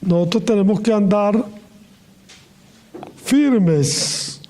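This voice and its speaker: A middle-aged man preaching a sermon in a notably high voice with a mellow, soft tone. He slows down and lets his pitch fall at the end of each phrase. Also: a little hiss or hum.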